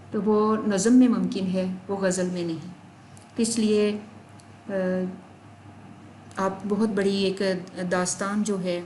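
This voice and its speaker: A young woman is teaching a class, explaining patiently and spelling each word out slowly. Her voice carries a clear room echo, and a faint background noise sits under it. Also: medium pitch, a little mellow. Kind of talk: Urdu lesson to students.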